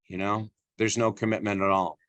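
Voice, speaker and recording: A man's voice: on the low side, level tone, normal speed, fairly bright tone, no echo. A middle-aged man, an author speaking as an interview guest, talking emphatically and earnestly with lots of "you know" fillers and repeated phrases. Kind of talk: conversational interview.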